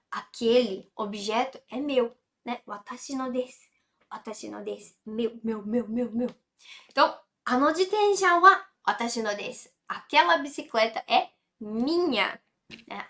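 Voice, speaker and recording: Woman, Brazilian Portuguese accent, high-pitched, teacher, chatty, drills phrases slowly. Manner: frequent tag questions, animated emphasis. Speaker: Japanese teacher. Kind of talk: online language lesson.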